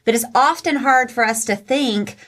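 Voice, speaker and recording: A woman's voice: fairly high pitch, moderate pace, a bit bright. A middle-aged woman hosting an interview, conversational and affirming. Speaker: podcast host.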